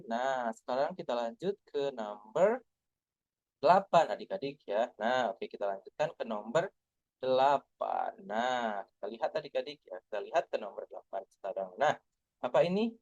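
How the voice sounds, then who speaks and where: Young male tutor, patient and coaxing with small kids, lively pitch, dull lo-fi sound. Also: no room sound. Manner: lively, patient, coaxing, spells out letters slowly. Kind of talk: online lesson reviewing test answers for young kids.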